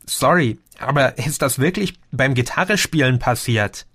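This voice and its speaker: A man's voice: medium pitch, lively intonation, normal speed, a bit bright, breathy edge, no room sound, studio quality. A man voicing a mocking young friend who keeps disbelieving what he hears. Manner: mocking, incredulous.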